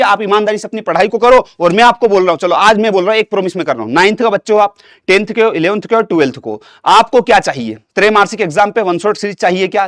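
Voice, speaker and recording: A man's voice: high-pitched, dry recording, studio quality. A young man teaching an exam-prep lesson, talking to students like an elder brother and repeating himself with rhetorical questions.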